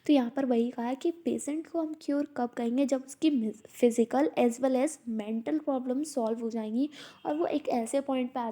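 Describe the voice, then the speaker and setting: A woman teaching a study lesson, asking herself questions and answering them, reading quoted passages out slowly. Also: fairly high pitch, dark tone. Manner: slow, repetitive, asks herself questions. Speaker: teacher explaining homeopathy texts. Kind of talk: study lecture mixing Hindi and English.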